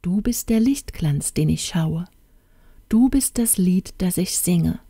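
A lovesick young gem-cutter from a storybook, gentle and hushed, his words unhurried and low, as a woman reads him aloud. The voice is dark and mellow, close and dry with no room around it. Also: expressive, breathy edge, no room sound, exaggerated voice. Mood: ardent. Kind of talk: storybook reading.

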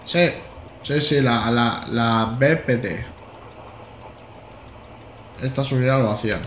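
Driving a train in a simulator on his live stream, this man from Spain, in his thirties, talks slowly in a medium-pitched voice, joking and rambling casually. He stammers, restarts, and bursts out laughing. The echoey room carries a little hiss or hum.

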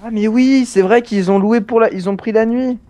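Brief: young male let's-play host, teasing and chatty, soft warm tone. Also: high-pitched, steady tone, moderate pace. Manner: playful, chatty, teasing, with many fillers. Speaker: gaming channel host. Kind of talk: casual let's play chat.

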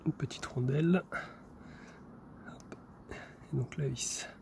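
A man's voice: mid-range voice, slow pace, creaky, whispered. Chatty man narrating a DIY build. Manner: chatty, many fillers and restarts, talking while working. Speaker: vanlife vlogger. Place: workshop and camper van roof, outdoors.

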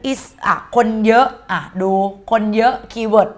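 A woman's voice: on the high side, moderate pace, faint music behind. A woman teaching an exam-prep English lesson in a chatty, playful way, mixing English words into her speech. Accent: Thai.

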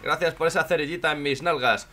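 A man from with a hoarse voice, commenting on his own gameplay in casual chat, joking and swearing a lot. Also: fairly high pitch, steady tone, a little fast, slight background noise. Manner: swears a lot and jokes, shouts when in danger.

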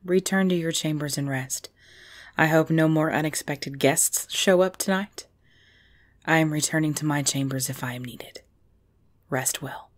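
In an ASMR roleplay drama, a woman plays a commanding, possessive vampire ruler and lover, speaking formally, imperiously and with measured control. Her voice sits low, and her mood is controlled and authoritative.

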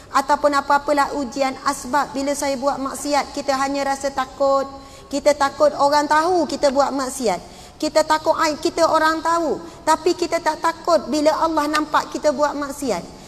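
A Malaysian woman preacher telling a heartfelt story in a sermon, dropping in pious exclamations as she speaks. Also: high voice. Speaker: religious preacher. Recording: long hall reverb with faint noise.

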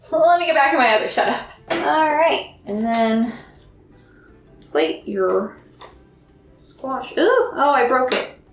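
A young woman in her twenties cooking in her home kitchen, chatting to the camera and thinking aloud in a self-deprecating way. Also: high-pitched. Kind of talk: casual cooking vlog. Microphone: far camera. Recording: roomy kitchen sound from a distant camera.

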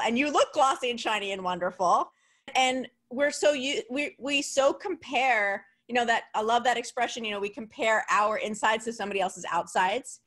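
A woman hosting a casual podcast interview, chatty and quick to laugh, with casual swearing. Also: mid-range voice, a bit bright. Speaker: podcast host.

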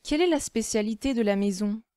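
A woman slowly reading vocabulary words and phrases one at a time for language learners, pausing between each. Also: a little high, warm tone, no echo, clean studio sound. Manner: reads isolated words and phrases with pauses. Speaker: language teacher.

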